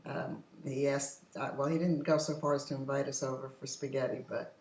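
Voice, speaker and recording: A woman's voice: a bass voice, steady tone, brisk, darkish tone, reverberant, poor audio. An older woman hosting a casual home chat, telling stories in a talkative way. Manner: chatty storytelling, often laughing. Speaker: host. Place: home patio. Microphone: computer's built-in microphone.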